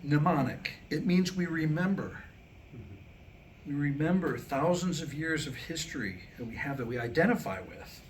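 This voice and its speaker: Recorded live in a noisy room with poor audio, a sixty-something man reads jokes and comic monologue on stage. His delivery is a little high and animated at a normal speed, and he acts out the quoted dialogue with wry humor.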